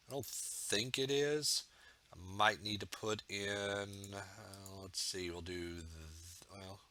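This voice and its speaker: A man rambles through casual commentary on his building project as he works, thinking aloud with lots of fillers while getting over a sore throat and a bit of a cold. His voice is fairly low, bright and forceful.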